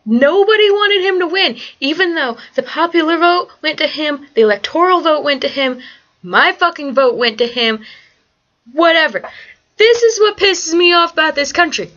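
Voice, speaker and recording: A woman's voice: high voice, lively intonation, normal speed, a bit bright, lo-fi sound. A young woman rambling through a survey in a casual vlog, cursing often, blunt and ranty, with lots of "like" fillers, groggy late at night. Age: young adult. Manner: valley-girl fillers like "like". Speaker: vlogger answering a survey.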